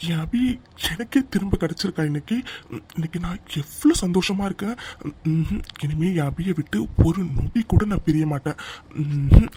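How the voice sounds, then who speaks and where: A woman's voice: on the low side, background noise, close to an everyday voice. A woman voicing a young groom who mutters nervously to himself with sighs in a cartoon drama. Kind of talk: cartoon voice acting.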